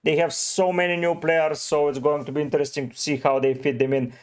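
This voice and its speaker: A man's voice: on the high side, level tone, fairly quick. A man from Bulgaria, hosting a casual livestream and giving short, offhand answers to viewers' chat messages. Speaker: fantasy football streamer.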